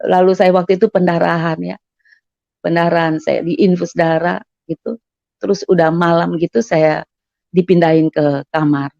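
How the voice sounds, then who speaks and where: A middle-aged woman giving a personal testimony, telling her story in an animated way. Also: fairly low pitch, normal speed, gravelly, no echo. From Manado, Indonesia. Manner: animated storytelling, acts out quoted voices. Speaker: testimony giver. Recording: dull lo-fi recording.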